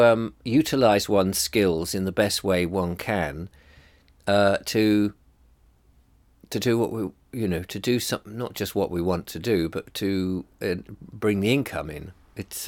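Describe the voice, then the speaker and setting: A middle-aged man with a low, slightly slow voice and a blocked-up nose muses hesitantly to camera as a vlogger. He sounds congested and bunged up, rambling through personal reflections with lots of ums and restarts. The recording has no echo.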